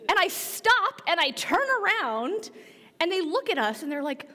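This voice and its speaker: A middle-aged American woman telling a personal story in an animated, informal way, often saying "like" as she goes. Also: very high-pitched, normal speed. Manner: informal, frequent "like" as filler, laughs while telling. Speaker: minister and guest on a panel. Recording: echoey hall with long reverb.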